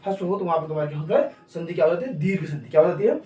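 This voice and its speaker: Recorded from a distance with a roomy echo, a male coaching teacher teaches grammar in class with a fairly high, dark-toned voice, lively intonation, and rapid-fire delivery. Again and again he poses a question and answers it himself, remarking that he speaks in a hurry.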